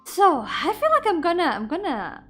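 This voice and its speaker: Her voice is very high, with pitch that swoops wildly, and she talks at a normal speed. A VTuber who streams art and develops games, she chats playfully and pokes fun at herself while drawing, thinking out loud and mixing English with Spanish as music plays behind her.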